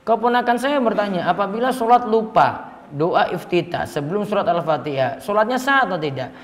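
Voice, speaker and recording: A man's voice: high-pitched, expressive, fairly quick. A man giving a religious lecture, reading out listeners' questions and answering them plainly. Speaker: Islamic teacher. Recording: echoey hall reverb.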